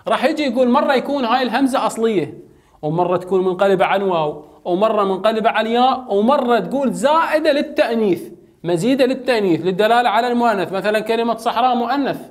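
A young adult male teacher with an Iraqi Arabic accent, giving a chatty lesson and asking his students questions, then answering them himself. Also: very high-pitched. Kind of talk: casual classroom lecture.

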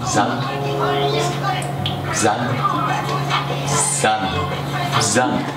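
A man's voice: on the low side, steady tone, very slow, distant mic. A man in his twenties in a small room, playfully bantering and repeating short phrases with emphasis. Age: 20s. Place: small indoor gaming room. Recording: roomy sound, loud music behind.

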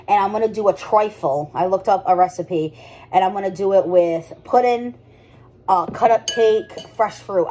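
A young woman vlogs casually from her home kitchen, talking loosely to her audience with plenty of "like" and frequent restarts. Her voice is medium in pitch with a darkish tone, and there's slight background noise.

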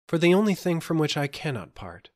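A man's voice: fairly high pitch, very animated, a little fast, voice pushed up. A man reading a vain, haughty princess. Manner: haughty, scornful. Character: vain, cruel young princess. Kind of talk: audiobook fairy tale reading.

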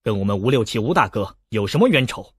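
A man voicing a calm, commanding middle-aged sect leader who speaks gravely and measuredly. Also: lowish voice, quick pace, no echo, studio quality, pitched below the performer's own voice. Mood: stern.

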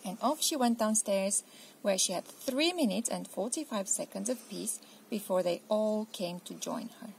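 A woman reading a children's picture book aloud, telling the story expressively and deliberately. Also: medium pitch, vocal fry, a little mellow, a little hiss or hum, rough recording. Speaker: storybook reader.

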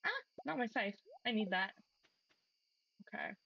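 A woman's voice: mid-range voice, sing-song, measured pace, gravelly, husky, lo-fi sound. A young woman streamer giving casual, chatty, self-deprecating commentary while she plays a game, with frequent exclamations.

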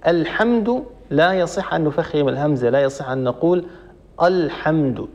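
A sheikh teaching Quran recitation rules, explaining a poem line by line, repeating points and slowly drawing out example words. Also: male voice, a little high, a little mellow, lo-fi sound. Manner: repeats points for emphasis, with hesitation fillers.

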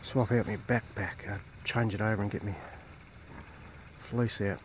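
Filming his own night hike on a bush trail, a man rambles casually to himself and to the animals he passes, sounding a bit dry-mouthed. His voice is fairly low with fairly even intonation at normal speed. The handheld camera mic gives dull outdoor audio with wind noise.

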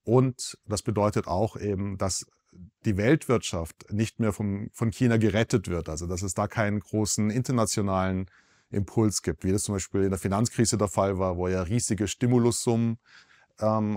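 A man in his forties, a foreign correspondent, answering interview questions in a measured, explanatory way with small self-corrections, in a TV studio. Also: on the low side, steady tone, a little mellow.

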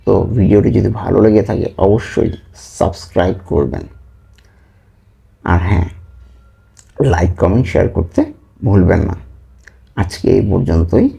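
Guy teaching a beginner language lesson, husky dark voice, says each word over and over slow. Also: low voice, steady tone. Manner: repeats each word slowly, asks rhetorical "ঠিক আছে?" checks. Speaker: language tutor.

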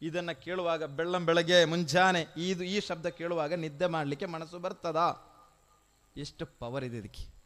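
A man with a coastal Karnataka Kannada accent preaching a sermon, telling stories quietly and then raising his voice to urge the listeners. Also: a little high, fairly even intonation, normal speed. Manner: swings from soft storytelling to loud exhortation. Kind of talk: sermon with storytelling.

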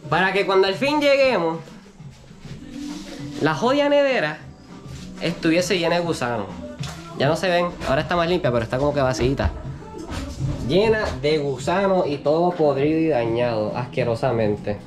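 A young man with a Puerto Rican accent, vlogging casually with friends, excitable and teasing, filmed on a handheld action camera outdoors. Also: a little high, normal speed, long pauses, over music. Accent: Puerto Rican Spanish. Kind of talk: casual group vlog. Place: outdoors by a jungle waterfall pool. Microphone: action camera held at arm's length.

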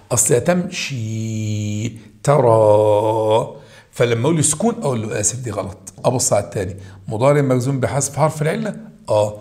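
A man with an Egyptian accent teaches a grammar lesson at a quick clip. His voice sits at a medium pitch, and he talks emphatically, hammering key points home and addressing his students directly. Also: a little mellow. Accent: Egyptian Arabic. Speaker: high school Arabic teacher. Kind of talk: walking through grammar homework answers.

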